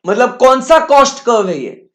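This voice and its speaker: A man's voice: extremely high pitch, big pitch swings, moderate pace. A male teacher giving a lecture, bantering playfully with his students in slang and repeating his questions to the class.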